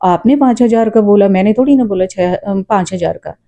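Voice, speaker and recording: Stubborn lying shopkeeper guy done by a woman, dark mellow voice, dismissive. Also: medium pitch, fairly quick, dull audio, lightly acted. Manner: curt, dismissive denial.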